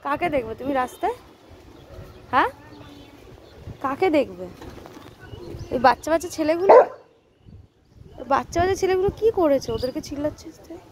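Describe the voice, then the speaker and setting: High-voiced woman coaxing her dog outdoors. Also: lively intonation, moderate pace, pauses often, a little hiss or hum. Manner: scolding and coaxing, repeats short commands. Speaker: dog owner. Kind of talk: talking to her dog on a walk. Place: outdoors on a street.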